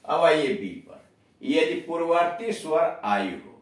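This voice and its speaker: A man with a slightly high voice teaches an English pronunciation class at a very slow pace, spelling each word out letter by letter. His voice rings through a very echoey room and is picked up from a distance. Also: expressive. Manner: slow, explains rules step by step, spells words letter by letter. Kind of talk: spoken grammar lesson.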